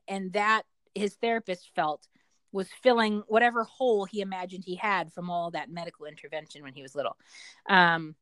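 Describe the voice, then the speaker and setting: A woman's voice: mid-range voice, fairly bright tone, no room sound. Middle-aged woman as a parent being interviewed; talkative, explanatory, conversational storytelling, recorded very dry. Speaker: parent interviewed about their child.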